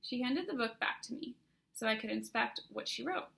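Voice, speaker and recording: Woman reading a story, slightly gravelly. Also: a little high, expressive, moderate pace, sharp tone. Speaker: author reading her own book. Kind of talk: first-person audiobook narration.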